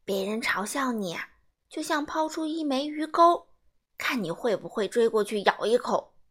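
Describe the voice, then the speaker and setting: A woman voicing a kind, wise old grandmother in a storybook reading, with a lower, gentle and patient voice. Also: animated, moderate pace. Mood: playful.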